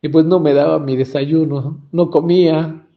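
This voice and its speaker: Guy sharing his life testimony, high gravelly voice, kinda muffled lo-fi audio. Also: steady tone, a little slow. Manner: retells childhood memories, often acting out dialogue. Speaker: speaker giving a personal testimony. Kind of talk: personal testimony, storytelling. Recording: dull lo-fi recording.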